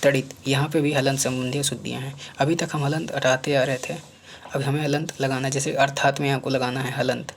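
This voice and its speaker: A man teaching spelling for a competitive exam, drilling each word by saying it again and again. He asks questions and answers them himself in a patient classroom rhythm. His voice sits at an ordinary middle pitch, with faint background noise in the recording. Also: level tone, fairly quick, vocal fry. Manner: drops to murmurs while writing on screen. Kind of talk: exam-prep spelling lesson.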